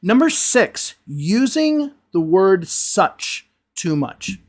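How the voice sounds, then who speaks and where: Man, American accent from Chicago, English teacher, higher-pitched voice, emphatic, checks in with "okay?". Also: very animated, drawn-out words. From United States (Chicago). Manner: emphatic, repeats words for stress, asks "okay?" and "right?". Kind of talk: online English lesson.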